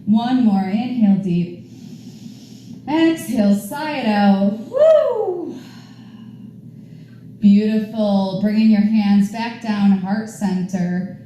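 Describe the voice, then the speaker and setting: A woman's voice: mid-range voice, slow pace, mellow, heavy reverb, dull audio, slight background noise. A woman teaching a yoga class, guiding poses with upbeat, chatty encouragement. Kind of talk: guided yoga class instruction. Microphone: camera mic at a distance.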